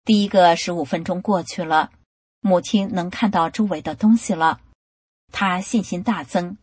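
A woman reading a personal account aloud in a steady, earnest scripted narration. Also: fairly low pitch, slightly rough, no echo. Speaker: article reader.

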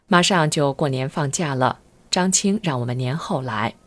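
A middle-aged woman reading aloud a first-person testimony in an earnest, steady storytelling manner. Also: a bass voice, moderate pace. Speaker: narrator of a personal account.

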